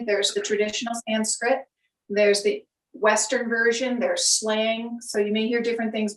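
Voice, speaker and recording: A woman yoga instructor giving calm, step-by-step guided instruction on breath and poses. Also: mid-range voice, far from the mic. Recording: echoey room, voice from off the mic.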